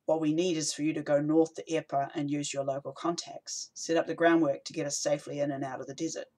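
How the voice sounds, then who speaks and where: A man's voice: a little high, level tone, fast, darkish tone, close to an everyday voice. Brief: man voicing an overworked woman rebel leader, curt, weary, firm, for an audiobook. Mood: brisk.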